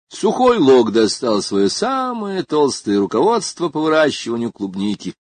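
A man reads a story aloud in an unhurried, expressive way. His low voice is gravelly and husky, and his pitch rises and falls widely. The recording is close and dry. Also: no echo. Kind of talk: scripted narration of a story.

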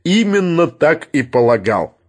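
A man's voice: mid-range voice, animated, a little slow, slightly rough. A man voicing an irritable elderly male professor, pompous and ironic, roaring when angry.

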